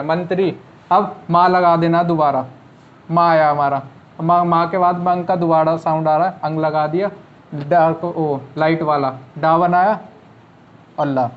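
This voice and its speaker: A man's voice: high-pitched, highs cut off. A man teaching shorthand, explaining step by step with rhetorical questions he answers himself. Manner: patient, asks rhetorical questions and answers them. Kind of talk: explaining step by step in an online class.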